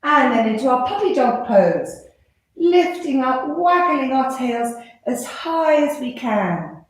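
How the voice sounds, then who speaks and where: A woman teaching a live children's yoga class, giving gentle, encouraging, playful instructions. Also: high voice, lively intonation, slow pace. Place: live class in an indoor room. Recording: very echoey room.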